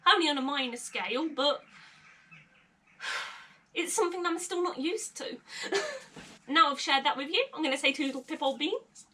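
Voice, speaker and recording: In a sharp, high voice with lively intonation, a young woman shares personal confessions on a bedroom vlog at a moderate pace, pausing often. She sometimes stutters and gives nervous laughs, recorded by a camera mic placed a short distance away that sounds slightly distant.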